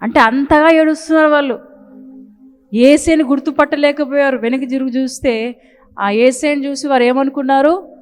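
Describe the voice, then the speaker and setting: A woman's voice: high-pitched, steady tone, normal speed, pauses often. A woman preacher with a Telugu accent, giving a fervent sermon, asking the congregation questions and calling out hallelujah.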